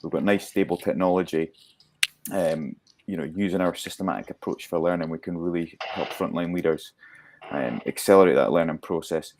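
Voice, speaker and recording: A man's voice: low voice, brisk, darkish tone, a little hiss or hum. A male performance coach answering interview questions eagerly, often repeating words as he builds his points.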